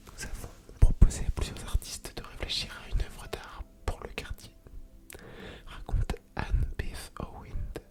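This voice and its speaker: Whispering woman, soft ASMR library hush. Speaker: ASMR video creator and host. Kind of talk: whispered ASMR reading of an article with casual commentary.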